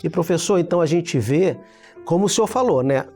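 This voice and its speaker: A man hosting a church talk program, calmly recapping his guest's points and seeking agreement. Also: on the high side, faint music behind. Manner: measured, recaps and seeks agreement. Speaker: program host.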